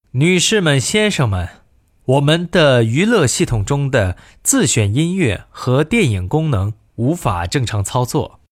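Male reader, slow and formal, lively pitch, dry close sound; cabin-announcement lesson. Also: no room sound. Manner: measured, formal announcement delivery in two languages. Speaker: language course reader. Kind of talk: reading in-flight announcements aloud.

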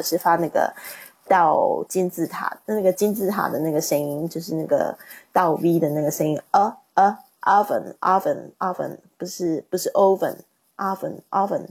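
A woman teaching an English vocabulary lesson on a livestream. She reads word lists, repeats the English terms slowly and explains how to pronounce them. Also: lowish voice, a little mellow, breathy edge, poor audio.

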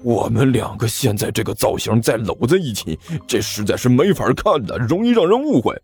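A man voicing a bruised, grumpy older brother who scolds and stammers, with soft music behind. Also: mid-range voice, big pitch swings, fairly quick, breathy edge, exaggerated voice. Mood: reluctant. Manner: scolding, exasperated, stammering when flustered.

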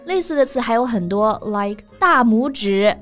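A woman co-hosting a casual bilingual English lesson, spelling words letter by letter and slowing down on English examples. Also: on the high side, lively intonation, soft background music. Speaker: co-host of an English lesson podcast.

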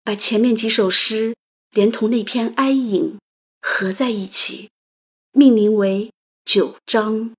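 A woman tells a literary story in a soft, delicate, romantic way. Her voice sits a little high and carries a breathy edge. She takes her time with each phrase. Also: steady tone, slow. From China. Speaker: audio program host and narrator.

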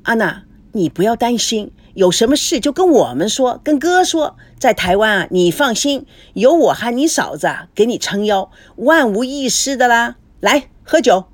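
A woman voices a smooth-talking, flirtatious middle-aged man for a storybook. He wheedles and jokes in a lively, swooping voice, recorded close and dry. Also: a little high, moderate pace, hardly any pauses, dry recording, voice pushed up. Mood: flirty, glib. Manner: wheedling and glib.

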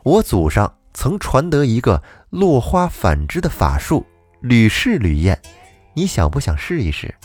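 A man's voice: mid-range voice, wildly swooping pitch, measured pace, darkish tone, soft background music. A man voicing a kind, playful young woman in her twenties, speaking in a light, raised voice.

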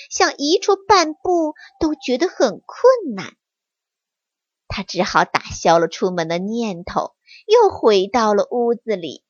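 A woman tells a bedtime story slowly and softly, her fairly high voice rising and falling in a lively storyteller's lilt. The recording is close and dry, with a dull, lo-fi sound. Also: dry recording. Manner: gentle, slow, sing-song storytelling.

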